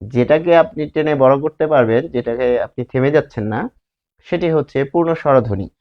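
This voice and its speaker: A man teaching a grammar lesson, explaining slowly and repeating words while drawing out their sounds. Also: mid-range voice, lo-fi sound.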